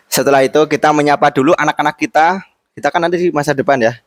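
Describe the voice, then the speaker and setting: A man's voice: on the high side, brisk, no room sound. Young male host from Boyolali, playful schoolboy banter, dry close sound. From Boyolali, Central Java. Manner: playful, jokey, mixes in Javanese words. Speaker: host interviewing classmates. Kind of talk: casual school interview chat.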